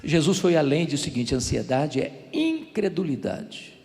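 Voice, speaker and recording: Brazilian male pastor, 60s, lively high preaching voice with gravel, hall reverb. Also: moderate pace. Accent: Brazilian Portuguese. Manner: animated storytelling, acts out voices, builds to fervent prayer. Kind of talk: sermon.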